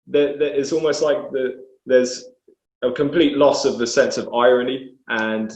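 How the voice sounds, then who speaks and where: A man's voice: medium pitch, steady tone, a little slow, a little mellow. A man in a casual podcast discussion who recounts things he has read in a meandering way. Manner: relays anecdotes, meandering. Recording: roomy dull lo-fi audio.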